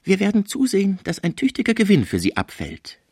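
Cold, snakelike male lawyer, smooth and persuasive, voiced by a male narrator. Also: sits high, huge pitch swings, fairly quick, a little mellow, no echo, studio quality, pitched above the performer's own voice, full character voice.

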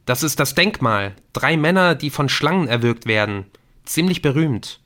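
A man voicing an excited, clever teenage boy in a German audiobook, blurting out his discovery. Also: mid-range voice, normal speed, voice pushed up, close to an everyday voice. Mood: eager.

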